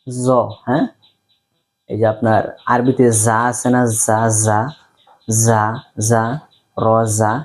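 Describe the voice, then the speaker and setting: Male tutor, unhurried drill voice, patient, repeats every word. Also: medium pitch, a little mellow. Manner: patient, repeats each word many times. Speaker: English teacher. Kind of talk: slow vocabulary lesson, repeat-after-me drills.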